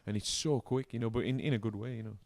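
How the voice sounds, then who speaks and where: A man's voice: mid-range voice, fairly even intonation, fast talker, a little mellow, dry recording. A man, a musician chatting on a podcast in a studio, who talks loosely and fills his sentences with "you know". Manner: loose, filler-heavy with lots of "you know". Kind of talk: casual podcast chat.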